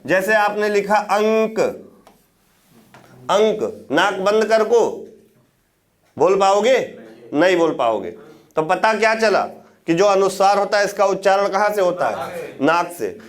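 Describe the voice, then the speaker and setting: A man with a fairly high voice teaches a grammar class. He poses questions to his students and answers them himself. He drags out example words to show how they sound. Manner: demonstrates sounds by repeating words slowly. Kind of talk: classroom lecture on Hindi grammar.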